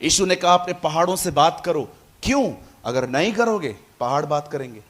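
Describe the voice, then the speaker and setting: A man preaching a sermon to a congregation, shifting between quiet asides and loud, animated calls. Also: fairly high pitch, moderate pace. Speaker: pastor. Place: church hall with congregation.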